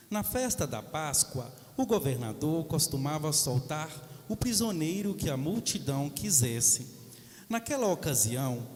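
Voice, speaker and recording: A man narrating the Passion Gospel in church, reading slowly and steadily. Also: on the high side. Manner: slow, measured reading. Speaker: reader of the Passion. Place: large cathedral. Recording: echoey cathedral hall.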